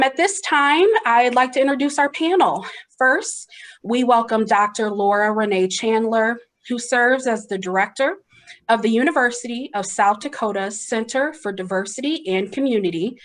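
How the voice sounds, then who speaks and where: Woman moderator on a zoom panel, upbeat scripted intros, mid-pitched.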